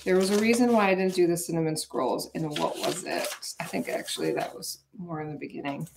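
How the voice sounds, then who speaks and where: Chatty woman in her forties with a lowish voice, rambling casually to live viewers from her kitchen. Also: expressive, fairly quick, heavy background noise. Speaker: vlogger hosting a live cooking stream. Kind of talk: casual live-stream chat while baking. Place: home kitchen, indoors. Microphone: camera on the counter.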